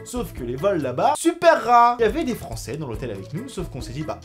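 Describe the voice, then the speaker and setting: A man in his mid-twenties tells a personal story straight to camera, with loose slang and plenty of swearing. His voice swings high and low as he goes, lively and full of expression. Soft music plays faintly behind him. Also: quick pace. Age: 20s. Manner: animated and slangy, with frequent swearing. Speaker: vlogger.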